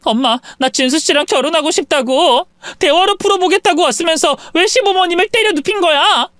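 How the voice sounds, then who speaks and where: A man's voice: very high-pitched, a little fast, sharp tone, no echo, clean studio sound, voice pushed up. A man voicing a tearful young woman pleading with her mother and future in-laws. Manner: pleading, whiny, rising.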